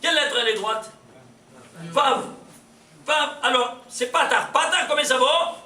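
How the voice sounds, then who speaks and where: A man teaching a lively Torah lecture, quizzing his audience and laughing often. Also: very high-pitched, measured pace. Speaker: rabbi teaching. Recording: echoey room from far off, faint hiss.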